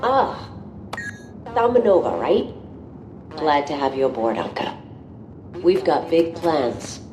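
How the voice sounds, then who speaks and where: Commanding female pirate captain, low dark voice, composed, game character, echoey. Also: big pitch swings, slow pace, full character voice. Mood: commanding, welcoming. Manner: authoritative, composed. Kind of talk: video game voice acting.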